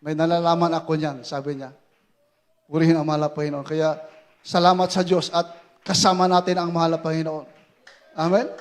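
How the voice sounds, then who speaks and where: A man with a Filipino accent preaching a testimony sermon, moving from quiet prayerful retelling to shouted praise. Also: a little high, steady tone, normal speed, long pauses. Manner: swings from hushed prayerful retelling to shouted exclamations. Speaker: preacher giving a soldier's testimony.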